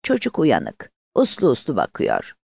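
A male audiobook narrator with a mid-range voice, reading a novel in an expressive, measured way. His pitch swings widely from line to line, and the recording is dry and close. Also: gravelly, slightly rough, no room sound. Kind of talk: literary narration.

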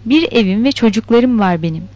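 Woman reading a smooth, preachy male company agent. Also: a little high, lively intonation, a little fast, warm tone, no echo, natural voice. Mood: placating. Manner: preachy, placating. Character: smooth-talking male grower's agent, patronizing. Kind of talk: scripted narration of a novel. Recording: dull lo-fi recording.

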